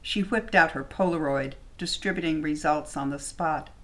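A woman reading her own short story aloud at home, in a measured storytelling manner. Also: sits low, fairly bright tone.

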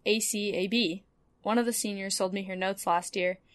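A woman acts as a cynical student in a radio comedy. Her voice is mid-pitched and closely recorded. She is blunt, casual and matter-of-fact. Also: fairly even intonation, moderate pace, dry recording, close to an everyday voice. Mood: dismissive. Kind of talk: radio comedy drama acting.

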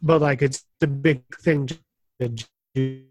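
A man's voice: mid-range voice, steady tone, slow pace, music in the background. A man co-hosting a casual podcast chat, making wry joking asides. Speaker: podcast co-host.

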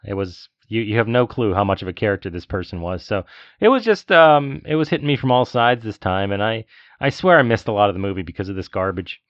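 A man's voice: fairly low pitch, expressive, fast, no echo. A man co-hosting a podcast, telling a story in casual chat and ranting as he goes. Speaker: podcast co-host. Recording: dull lo-fi sound, dry.

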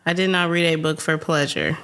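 Young woman cohost, low voice, chatty and teasing, laughs a lot. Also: brisk, fairly bright tone. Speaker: podcast co-host. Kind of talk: casual chat.

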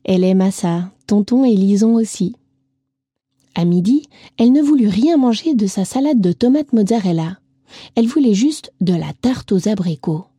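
A woman reading a storybook to children, gentle and lively, speaking straight to the young listener. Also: medium pitch, moderate pace, husky, no room sound, studio quality.

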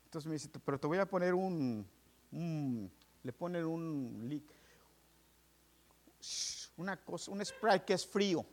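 A pastor gives his testimony from the pulpit, slightly higher-pitched than most men. He tells it with lively swings, acting out the doctors and nurses and turning to his listeners as brothers. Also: slow, long pauses. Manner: animated storytelling, addresses listeners as brothers; acts out dialogue with doctors and nurses. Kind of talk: sermon testimony.

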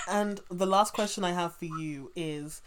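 Woman host, lowish voice, animated anecdotes full of fillers, relaxed chat. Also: slow, a little hiss or hum. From London. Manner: animated storytelling, many fillers, quotes people. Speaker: podcast host. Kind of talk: casual interview chat.

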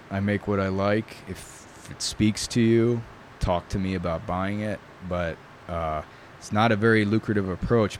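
Deep and darkish, this guest's voice carries over slight background noise. He makes knives, grew up in New York with Italian as his first language, and talks casually and thoughtfully in the interview, leaning on lots of fillers.

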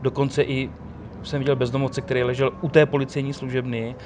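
Man, casual storyteller, lively and quoting others, faint street noise behind. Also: mid-range voice. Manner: animated storyteller, quotes others. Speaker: guest telling of police ride-alongs. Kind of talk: casual chat.

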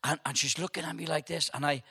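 An older man tells a funny story to a live audience. His voice sits a little high for a man, and he hesitates with frequent ums before picking up energy as the tale unfolds. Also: quick pace, gravelly, breathy edge. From Wales. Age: 70s. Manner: hesitant with many ums, animated when telling the story. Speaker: guest speaker at an event. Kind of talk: humorous storytelling speech.

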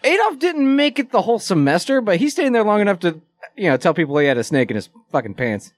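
A man co-hosting a casual podcast, animated and swearing often, laughing as he talks. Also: high voice, fast talker, no room sound, studio quality. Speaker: podcast co-host.

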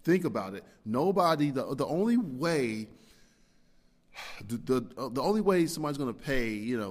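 A man with a medium-pitched, darkish voice hosts a casual solo podcast, rambling and poking fun at himself with plenty of fillers and restarts. A long hall reverb surrounds the recording.

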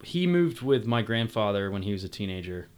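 A man grown up in England, talking casually and haltingly about his family, with many restarts. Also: on the low side, big pitch swings, a little mellow, clean tone. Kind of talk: casual conversation.

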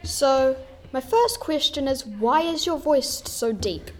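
A woman's voice: high voice, lively intonation, slow pace. A woman playing a dry, sarcastic captive man. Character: sarcastic captured man, unafraid.

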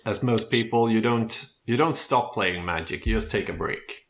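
Talking about his background on a podcast, a Swedish-accented man in his thirties, native to Sweden, speaks casually and reflects aloud. His pitch is fairly low and his pace moderate.

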